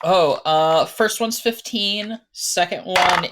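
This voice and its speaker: A woman with a slightly low voice chats as a player in a tabletop game. She speaks slowly and casually. Her phrases come in halting pieces as she thinks out loud. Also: heavy background noise.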